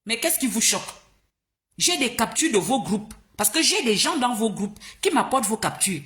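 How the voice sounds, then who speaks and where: A woman's voice: on the high side, big pitch swings, moderate pace, a bit bright. A woman from Gabon hosting a live stream, talking in a heated, confrontational way, firing off rhetorical questions and stumbling over her words when she gets worked up. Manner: stumbles and restarts when agitated.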